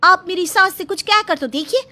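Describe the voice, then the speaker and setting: A woman's voice: fairly quick, pushed and bright. A woman voicing a young daughter-in-law in a cartoon who eagerly agrees with her mother-in-law. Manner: high, eager, fawning.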